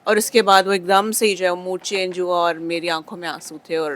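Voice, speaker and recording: A woman's voice: fairly low pitch, little pitch movement, slight background noise. A woman giving a personal testimony about a prayer experience, reflective and dropping English words into her speech. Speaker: group member giving testimony.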